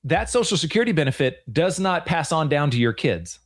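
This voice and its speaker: A man's voice: a little high, sing-song, a little fast. Chatty man in his forties. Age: 40s. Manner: earnest, chatty, repeats himself. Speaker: financial advisor and show host. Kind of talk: casual radio-show chat.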